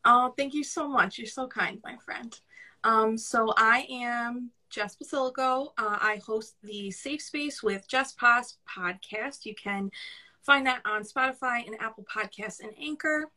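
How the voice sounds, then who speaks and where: A woman with a strong New York accent, talking in a bright, crisp voice. She is candid and chatty, laughing easily and dropping the odd swear word in a relaxed interview. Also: a little high, a little slow. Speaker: podcast guest, career coach. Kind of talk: casual conversational interview.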